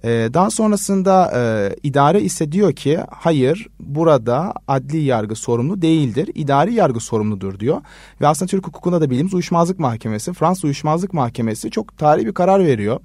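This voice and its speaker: A man who is a law research assistant, answering interview questions in a measured way with many hesitation fillers. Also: a little high, expressive, a little mellow, no echo, studio quality. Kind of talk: explanatory radio interview answers.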